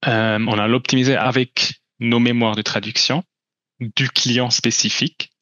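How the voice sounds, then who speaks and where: Slightly slow and level in tone, this man's mid-range voice sounds pushed and bright. A company presenter from Switzerland and a native German speaker, he gives a conference talk with slides, hesitating with many restarts and fillers. The recording lacks echo and has its highs cut off.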